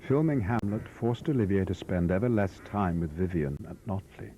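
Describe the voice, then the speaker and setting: A man narrating a television documentary in a calm, measured scripted voice. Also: deep voice, slight background noise. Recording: dull voice-over under music.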